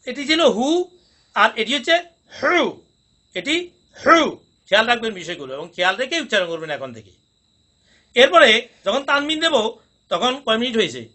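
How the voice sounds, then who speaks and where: High, lively-voiced male recitation teacher. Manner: drills sounds slowly with repetition, coaxing. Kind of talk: recorded lesson teaching pronunciation.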